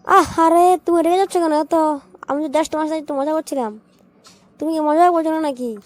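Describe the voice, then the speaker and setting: A woman voicing a teasing, sharp-tongued cartoon wife who mocks her husband. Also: high voice, steady tone, fairly quick, pitched above the performer's own voice, lightly acted. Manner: mocking, needling.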